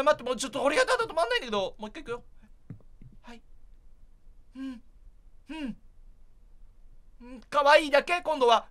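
A man's voice: very high-pitched, a bit bright. Male gaming streamer, casual and jittery, talks to viewers with very varied intonation, slight background noise. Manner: jittery, chatty, talking to the viewers. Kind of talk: casual gameplay commentary.

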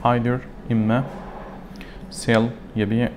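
A man teaching an English lesson. He reads English words slowly and then translates them. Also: mid-range voice, little pitch movement, darkish tone, a little hiss or hum. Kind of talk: recorded classroom lesson.

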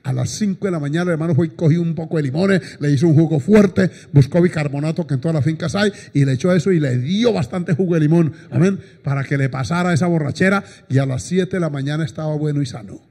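A man's voice: fairly high pitch, fast, creaky, hardly any pauses, warm tone, breathy edge. A man preaching a sermon as a pastor, telling stories and breaking into praises. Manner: storytelling preacher, exclaims praises often. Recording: long church hall reverb.

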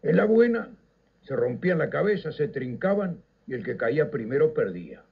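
An older man with a Uruguayan Rioplatense accent, a radio storyteller and host, delivers scripted, nostalgic narration in a theatrical, declamatory style full of dramatic pauses. His voice is fairly high, very animated, creaky, and slightly rough. The radio recording is slightly dull and lo-fi.

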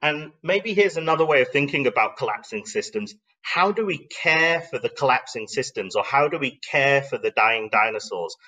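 Animated and sharp-toned at medium pitch, this middle-aged man moves at a moderate pace with few pauses through a live online slide talk. He explains conversationally, thoughtfully and emphatically, often posing questions. He sounds far from the mic.

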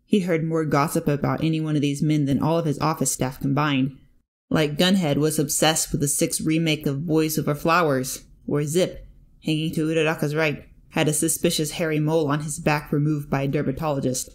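A woman narrating a fanfic audiobook in a steady, even reading voice. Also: low voice, fairly quick. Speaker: fanfic reader.

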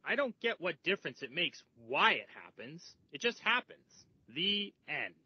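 A man's voice: a little high, very animated, normal speed, husky, no echo, highs cut off. A man voicing a goofy, wisecracking young male sidekick in an educational reading program. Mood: dismissive. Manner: joking, flippant. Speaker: sidekick character in a reading lesson.

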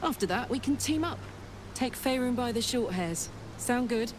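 A woman's voice: fairly high pitch, animated, normal speed, background noise, close to an everyday voice. An actress voicing a brash, hot-tempered female tiefling soldier in a video game, blunt and cocky. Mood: brash, confiding. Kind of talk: video game character dialogue.

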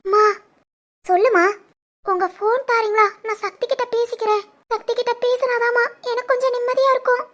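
Woman doing a super high teary young wife, cartoon drama, tirunelveli accent. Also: flat delivery, a little fast. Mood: wistful. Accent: Tirunelveli Tamil. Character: heartbroken young wife, tearful and yearning.

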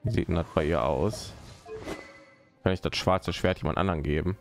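Soft background music accompanies a male streamer's casual game commentary, as he rambles and mutters to himself in a deep, creaky voice at a moderate pace.

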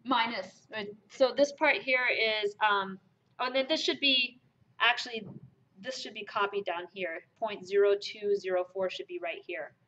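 Her voice is mid-range, pushed and bright, with fairly even intonation and a normal speed. She's a German math lecturer giving a classroom lecture, stressing her points and asking students rhetorical questions, recorded in lo-fi.

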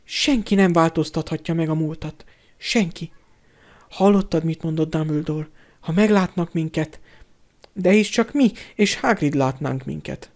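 A man's voice: on the high side, natural voice. A man voicing an anxious, clever schoolgirl in an audiobook, pressing and lecturing. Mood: insistent.

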